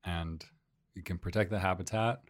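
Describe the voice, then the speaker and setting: A man's voice: deep voice, steady tone, normal speed. A man co-hosting a podcast, laid-back, laughing often and adding dry asides. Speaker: podcast co-host. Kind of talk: casual comedic chat.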